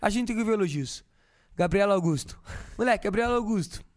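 A man's voice: sits high, expressive, quick pace. A tipsy, effusive man, swearing freely in a casual podcast chat. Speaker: podcast guest.

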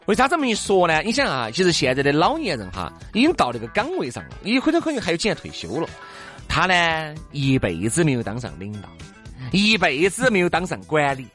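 High-pitched, animated Sichuanese man bantering. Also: a little fast, soft background music. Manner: animated, teasing, jokey. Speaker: talk show co-host. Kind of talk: casual comedic banter in Sichuan dialect.

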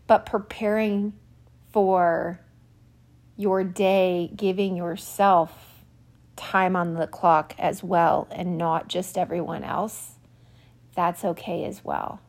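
A woman in her forties hosting a podcast, telling a personal story in a quick, animated, self-mocking way, a little out of breath. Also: lowish voice, creaky. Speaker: podcast host. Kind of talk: personal monologue.

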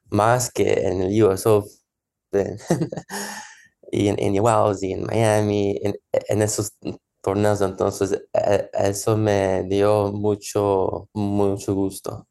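A professional tennis player from the United States, a native English speaker, answers interview questions casually as a guest. His low voice is gravelly yet mellow, and his speech is halting, with frequent stammers and repeated syllables.

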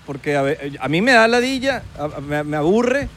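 Guy w on a podcast, kinda high voice, jokey, faint noise behind. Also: sing-song, normal speed, a bit bright. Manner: joking, mixes English and Spanish. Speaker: podcast co-host. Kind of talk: casual chat.

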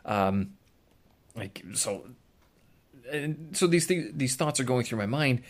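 A man's voice: medium pitch, animated, takes it slowly. A man vlogging, casually recounting an everyday story in a rambling, self-interrupting way with chuckling asides.

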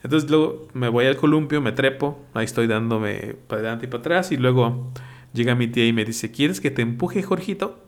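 A man's voice: medium pitch, a little fast. A Mexican man in casual podcast chat, recalling childhood mishaps with frequent laughter. He slips into other people's voices when he quotes them, and his voice sits mid-range. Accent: Mexican Spanish. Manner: storytelling, laughs often, acts out quoted voices. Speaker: podcast co-host.

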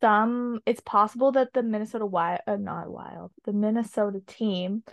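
A woman's voice: mid-range voice, fairly even intonation, moderate pace, gravelly, no echo. A woman chatting casually on a podcast, opinionated and rambling with lots of ums. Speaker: podcast co-host. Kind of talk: casual chat.

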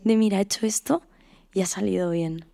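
Woman, podcast host, mellow, gentle questions, affirming. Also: mid-range voice, fairly even intonation, brisk, creaky. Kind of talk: supportive interview.

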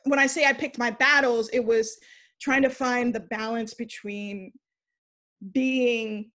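A young woman, an interview guest, telling a candid story in a blunt, animated way, swearing freely and acting out what people said. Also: on the high side, slow. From United States. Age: young adult.

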